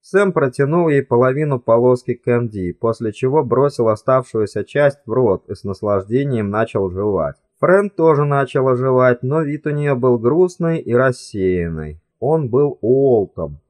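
A man's voice: mid-range voice, lively intonation, moderate pace, few pauses, a little mellow. Man narrating an audiobook. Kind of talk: scripted narration.

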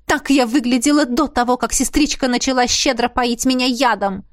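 A woman's voice: a little high, fairly even intonation, normal speed, no room sound, studio quality, pitched above the performer's own voice, natural voice. A woman voicing a proud, ghostly fairy queen in an audiobook, speaking in a commanding way. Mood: bitter.

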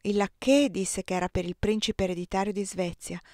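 A woman reading a novel aloud as an audiobook, measured and quietly voicing the dialogue. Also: medium pitch, dry recording, studio quality. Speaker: audiobook reader.

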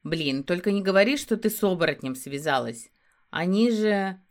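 An anxious young man speaks bluntly and urgently in an audiobook scene, voiced by a woman narrator. He swears freely and warns hard, in a voice set a little low. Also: lively intonation, normal speed, natural voice. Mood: worried, urgent.

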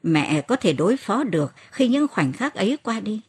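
A woman reads a novel aloud as an audiobook narrator, her voice slightly husky. Her pitch moves freely and expressively through the telling, rising for the characters' cries. It is a scripted storytelling delivery. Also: moderate pace. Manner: expressive reading, lifts her voice for quoted cries.

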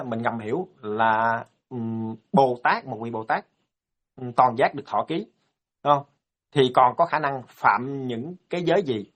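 A male Buddhist monk wraps up his answer in a dharma talk, speaking deliberately at a mid pitch. He hesitates often, filling the pauses with soft sounds as he reaches for each point. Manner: deliberate, hesitant, with many fillers.

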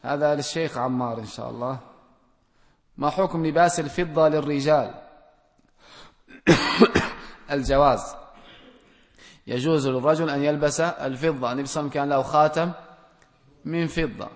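A man's voice: fairly high pitch, moderate pace, long pauses. Man giving rulings in an echoing hall. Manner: direct, plain rulings with gentle admonishment. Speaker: religious scholar answering questions. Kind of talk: reading out and answering audience questions. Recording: long reverb from a large hall.

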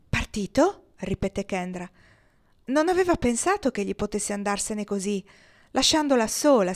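Woman reading a novel aloud. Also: mid-range voice. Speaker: audiobook reader. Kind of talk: audiobook narration.

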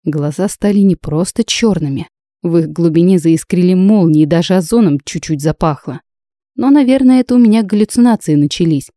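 A woman narrating a novel in the first person with a lively, emotional reading. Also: lowish voice, a little fast, dry recording, clean studio sound. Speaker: audiobook narrator.

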